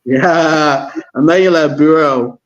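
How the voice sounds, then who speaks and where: A man calling in as a talk-show panelist over a remote line that keeps breaking up. He speaks in a halting way, full of fillers and restarts. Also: a little high, dull audio. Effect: remote call line breaking up, cutting in and out. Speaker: call-in panelist. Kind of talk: casual talk-show discussion.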